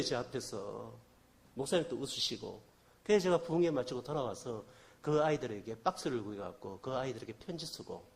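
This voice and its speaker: A man preaching a sermon as a guest revival speaker, telling a story and asking the congregation questions, with a slight cold. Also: mid-range voice. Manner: animated, asks the congregation questions.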